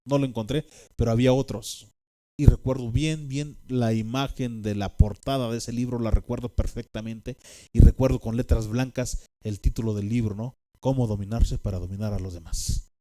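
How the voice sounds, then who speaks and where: A man's voice: medium pitch, fairly even intonation, normal speed, dark tone. A man with a Mexican accent telling a personal testimony, rambling with fillers and tag questions. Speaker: speaker giving a personal testimony.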